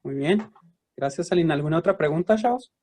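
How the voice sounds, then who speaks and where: A man's voice: a little high, lively intonation, fairly quick, a little mellow. A man moderating a question session, asking questions hesitantly with many restarts.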